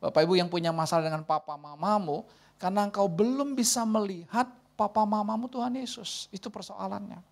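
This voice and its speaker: A woman in her forties, a pastor giving a lively sermon in a conversational, way, acting out quoted dialogue. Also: mid-range voice, a little fast. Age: 40s.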